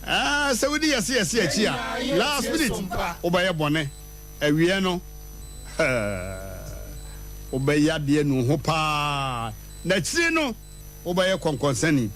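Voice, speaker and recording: Animated male radio host. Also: faint music behind. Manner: lively, jumps high in pitch for punchlines, drawn-out words. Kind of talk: animated radio storytelling and proverbs. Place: radio studio.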